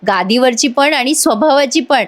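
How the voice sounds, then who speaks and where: A woman's voice: high-pitched, animated, normal speed. A woman voicing a feisty, stubborn young wife who answers back sharply in a retold serial scene. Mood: defiant. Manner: sharp, defiant.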